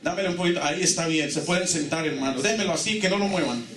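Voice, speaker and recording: A man's voice: a little high, fast talker, a crowd in the background. A male pastor preaching with fervor and leading his congregation in call-and-response declarations. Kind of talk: sermon. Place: church hall. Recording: echoey church from a distant mic.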